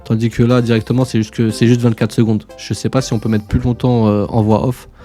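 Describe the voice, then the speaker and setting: A man's voice: mid-range voice, level tone, a little fast, warm tone, faint music behind. A man hosting a casual screen-share tutorial, informal and slangy, chatting to viewers like buddies. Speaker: tutorial host.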